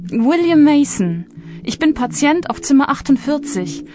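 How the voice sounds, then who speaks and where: A woman's voice: high voice, sing-song, a little slow, darkish tone, faint music behind, voice pushed up. Woman doing a polite puzzled male patient.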